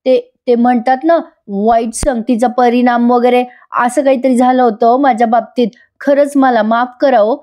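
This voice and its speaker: A woman's voice: a little high, fairly even intonation, a little slow, warm tone, natural voice. A woman voicing a middle-aged man who begs forgiveness in an overly dramatic way. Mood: pleading. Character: theatrical apologetic middle-aged man, ex-drinker.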